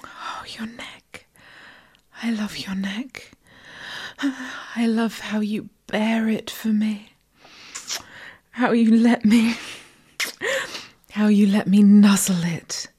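Breathy, slow-whispering woman, commanding and soft. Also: medium pitch, fairly even intonation. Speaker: audio roleplay performer. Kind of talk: whispered intimate audio roleplay addressed to the listener.

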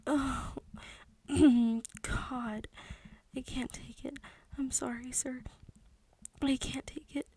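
A young woman whispers close to the mic in a high voice, very slowly and with a steady tone. Her breathy, hushed whispering sounds pleading and submissive, made for an intimate audio roleplay.

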